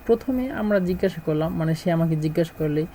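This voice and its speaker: A middle-aged man from Bangladesh, teaching a language lesson and repeating words slowly as he drills them. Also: a little high, lively intonation, warm tone, slight background noise, rough recording.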